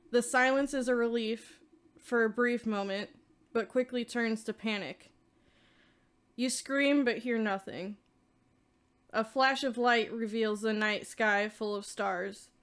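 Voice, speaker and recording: A young woman in the role of dungeon master, calmly narrating scenes and asking players what they do. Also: fairly high pitch, clean tone. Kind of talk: narrating a tabletop game.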